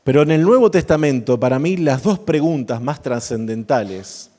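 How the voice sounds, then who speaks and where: Emphatic preacher in a reverberant church. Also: male voice, medium pitch, expressive, moderate pace, mellow. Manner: emphatic, builds to impassioned exhortation. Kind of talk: sermon. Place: evangelical church service. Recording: long church reverb, faint instrument music.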